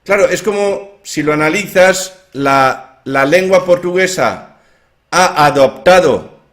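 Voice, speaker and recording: A man's voice: a little high, takes it slowly, fairly bright tone. A man explaining his own theory of language in an informal lecture, with many fillers and restarts.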